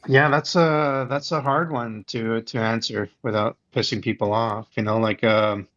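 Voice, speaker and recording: A man co-hosting a podcast in casual chat, talking haltingly with many restarts and "like"s. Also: medium pitch, steady tone, fairly bright tone. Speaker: podcast co-host. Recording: dull lo-fi sound.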